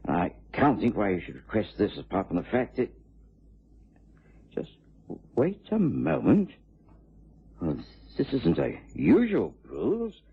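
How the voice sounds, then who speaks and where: English gentleman doctor, bluff, husky, very animated intonation, hesitant, obliging, old radio drama, muffled sound. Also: medium pitch, takes it slowly, long pauses, heavily acted. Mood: surprised, examining. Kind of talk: vintage radio drama acting.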